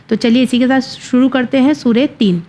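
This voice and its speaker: A woman teaching children to read the Quran. She spells out each syllable slowly, then explains quickly. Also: high voice, fairly even intonation, mellow. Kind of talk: children's Quran reading lesson.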